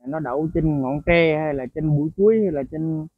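A bird-keeping video host chats casually to viewers about songbirds, his fairly high voice moving at normal speed with a breathy edge. He's chatty, full of fillers and asides, and addresses viewers often in this explanatory vlog narration. The recording sounds tinny and phone-like, dry with no echo.

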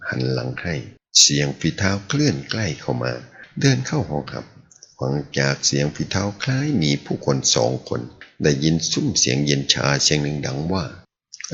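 A man narrates a serialized martial-arts novel in an extremely deep, gravelly voice. His pitch moves in a lively way through the story. The recording is dull and lo-fi. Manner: animated storytelling. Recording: dull lo-fi audio.

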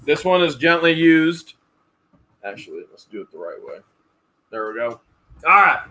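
A man's voice: a little high, very animated, normal speed, sharp tone, low-quality recording. A man in his thirties hosting a casual live-stream auction, chatty and hyping the bids, repeating numbers as he goes. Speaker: live-stream host auctioning storage-unit finds. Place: small indoor room with a wall of hats behind.

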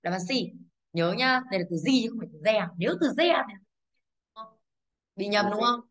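Speaking fast in a mid-range, slightly bright voice, a Vietnamese-accented woman who teaches English reviews exam answers. She explains with patience, checks understanding through rhetorical questions, and corrects herself.

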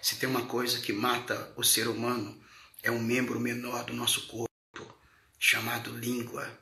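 Man, Brazilian accent, gravelly, fervent testimony sermon, echoey room. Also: mid-range voice, monotone, moderate pace. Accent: Brazilian Portuguese. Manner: fervent, rising to shouts in retold dialogue. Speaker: preacher.

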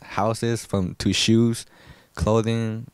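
Halting teenage boy, low dry voice. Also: flat delivery, smooth, no room sound. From Thailand. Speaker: youth soccer player.

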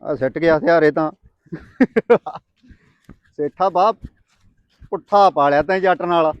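Man acting a high-voiced, taunting farmer. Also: measured pace, clean tone, no echo, muffled recording, lightly acted. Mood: scheming. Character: cocky, teasing, scheming male village farmer. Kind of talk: Punjabi rural comedy skit acting.

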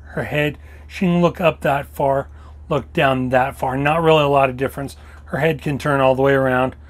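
A man hosting a toy review, slightly losing his voice, walking through each detail step by step in a casual show-and-tell style. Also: a little high.

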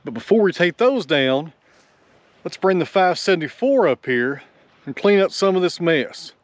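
A man's voice: high voice, animated, normal speed, rough recording. A man chatting to viewers in a folksy way as he works outdoors on a farm. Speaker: channel host. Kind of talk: casual vlog narration while working. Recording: outdoor camera audio with loud machinery noise.

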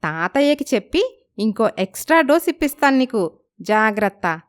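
A woman's voice: on the high side, big pitch swings, moderate pace. A woman voicing a cheeky, feisty young woman in a storybook, talking back with sass. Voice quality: cheeky, sassy. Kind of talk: storybook narration.

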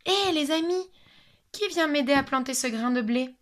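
A woman's voice: high-pitched, moderate pace, pitched above the performer's own voice. A woman voicing a cheerful, hardworking little red hen who calls out to her friends in a storybook reading. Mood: cheerful calling. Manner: bright, calling out to friends.

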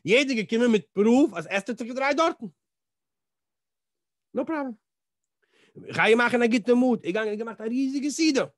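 A man teaching a Torah class as a rabbi, telling the story in an animated way, acting out the dialogue and mixing in English words. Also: very high-pitched, a little fast, hardly any pauses, no room sound, studio quality. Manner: animated, acts out the dialogue in different voices.

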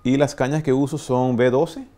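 A Venezuelan orchestral clarinetist in his thirties introduces himself to camera in a small shop studio, speaking with a Venezuelan Spanish accent. His medium-pitched voice is warm and steady, and he speaks unhurriedly with many pauses and fillers in this relaxed self-introduction.

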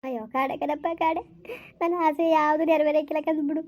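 A woman's voice: high voice, fairly even intonation, quick pace, a little mellow, close to an everyday voice. A woman playing a grieving older village mother-in-law who cries to God and longs for a grandchild. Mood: wailing grief. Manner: wailing lament full of cries to God.

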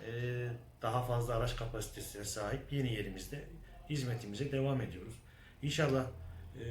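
A man's voice: medium pitch, a little hiss or hum. Businesslike man in an echoey workshop. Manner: measured, businesslike. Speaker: service co-owner and accountant. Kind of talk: interview answers. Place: car repair workshop.

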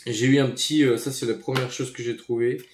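A man casually showing off his retro game finds, relaxed and hesitant with many fillers. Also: mid-range voice, fairly quick. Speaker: retro game collector YouTuber. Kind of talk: casual show-and-tell commentary. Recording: echoey room, faint noise.

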